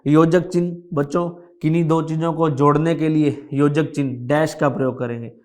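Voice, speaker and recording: Hindi teacher man, slightly high voice. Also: steady tone, a little mellow. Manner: slow, repetitive explaining, addresses children often. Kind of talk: classroom grammar lesson.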